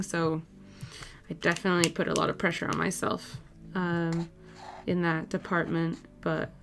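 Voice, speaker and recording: A woman in her twenties, from Portugal, chatting casually with viewers on a live stream while she draws, laughing easily as she answers messages. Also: fairly low pitch. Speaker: art streamer.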